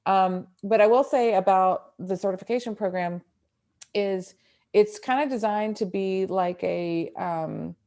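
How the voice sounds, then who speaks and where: A woman's voice: medium pitch, measured pace, darkish tone. A woman, a portrait photographer, chatting and explaining casually on a video call with plenty of fillers. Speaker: guest speaker, portrait photographer.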